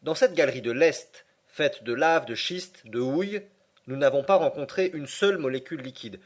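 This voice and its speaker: A man's voice: mid-range voice, normal speed, lightly acted. A stubborn, driven older professor who insists on pushing forward, as a man reading the book aloud voices him. He speaks in a raised, commanding tone and presses his point without letting up. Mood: persuasive.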